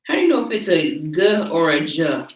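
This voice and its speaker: A man reading the Bible aloud in a relaxed, informal way, now and then stumbling over names and restarting. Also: fairly high pitch, a little fast. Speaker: Bible reader. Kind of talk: casual scripture reading. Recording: echoey room, a bit far from the mic.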